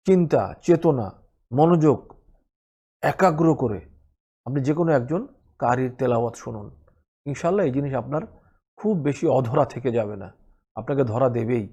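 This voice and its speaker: A man with a fairly high, somewhat dark voice gives a spoken lesson on Quran recitation. He patiently explains every rule and repeats the sounds so listeners can practice.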